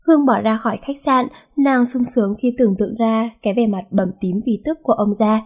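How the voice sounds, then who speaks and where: A woman narrating a romance novel in a lively, amused storytelling manner. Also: on the high side, a little fast. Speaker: audiobook narrator.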